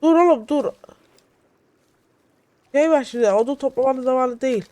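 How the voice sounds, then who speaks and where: Young male let's-play host, excitable and jittery, bright high register, dry close sound. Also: moderate pace, clean tone, no room sound. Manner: excitable, shouting at game companions, jittery. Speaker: gaming YouTuber. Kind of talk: solo let's-play commentary.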